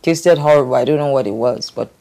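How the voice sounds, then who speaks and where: A middle-aged woman tells her own story in a candid, conversational way. She often hesitates and starts over, filling pauses as she goes. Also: extremely low pitch, vocal fry, mellow. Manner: hesitant, with frequent fillers and restarts. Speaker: guest sharing her life story.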